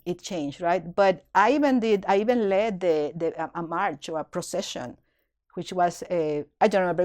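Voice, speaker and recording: This podcast guest, a middle-aged community leader and dance teacher, has a fairly low, slightly mellow voice. She tells reflective stories in an earnest, emotional way, frequently starting her phrases over.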